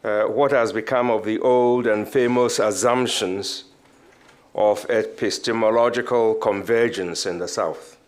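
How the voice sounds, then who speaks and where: An older man, a professor, giving a formal academic talk in measured short phrases with pauses. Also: fairly low pitch, steady tone. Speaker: professor, conference speaker.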